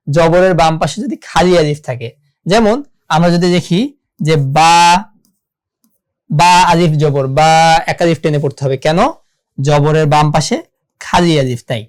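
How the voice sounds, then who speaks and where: A teacher with a Bangladeshi Bengali accent leads an online lesson on reciting the Quran. They go through each rule patiently and pose questions to the class before answering them. When they quote a verse, they slow right down and draw out the sounds. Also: mid-range voice, darkish tone.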